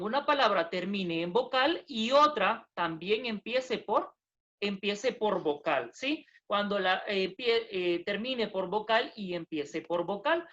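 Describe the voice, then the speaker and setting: A woman's voice: medium pitch, fairly bright tone. A woman teaching a recorded lesson in a patient, plodding way, going over points twice and stopping to check with short questions. Her voice sits in a middle range, and the recording sounds dull and lo-fi. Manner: patient, repeats herself, tag questions, self-corrections. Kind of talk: recorded lesson explaining poetry meter.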